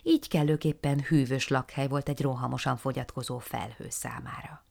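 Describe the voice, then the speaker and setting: A woman reading a children's storybook aloud in a soft, hushed, half-whispered manner. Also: rumbling low, steady tone, vocal fry. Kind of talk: storybook narration.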